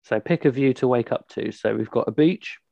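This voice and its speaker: A man's voice: mid-range voice, fairly quick, gravelly, dark tone, dry recording, highs cut off. A young man hosting a podcast, chatting casually with many ums and asides. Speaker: podcast host. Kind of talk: casual chat.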